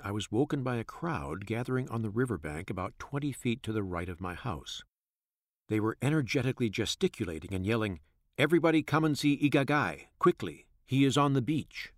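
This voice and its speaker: A man reads his first-person memoir in a measured, reflective way. His voice sits very low, and the recording is dry and close. It sounds like a calm, steady reading. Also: dry recording. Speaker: narrator.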